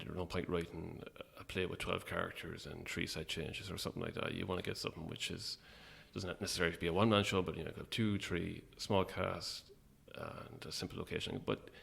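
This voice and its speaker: His voice is low-pitched with vocal fry and a fairly bright tone. A playwright and actor, he speaks as an interview guest, casually and hesitantly reflecting on his own creative work.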